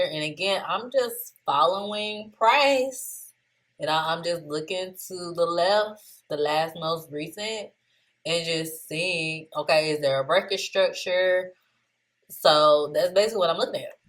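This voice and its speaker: A young woman talking casually as she walks through her own trades on a screen recording, relaxed and chatty. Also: deep voice. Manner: relaxed, chatty, laughs at herself. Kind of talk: casual screen-share trading recap.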